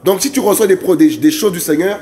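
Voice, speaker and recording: A man's voice: high-pitched, a little fast, mellow. A man preaching an evangelistic sermon, emphatic and repetitive, often addressing listeners directly. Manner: emphatic, repetitive exhortations with frequent asides to listeners.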